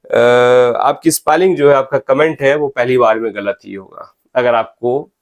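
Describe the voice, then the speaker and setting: Male tutor, unhurried lecture, spells words out one letter at a time, keeps asking "clear?". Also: mid-range voice. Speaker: English teacher. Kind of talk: spelling lecture in Hindi mixed with English.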